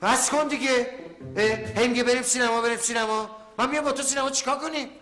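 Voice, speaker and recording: An actor playing a flustered, bumbling young man who is quick to apologize or grumble. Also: on the high side, lively intonation, music in the background, lightly acted. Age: young adult. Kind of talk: film dialogue.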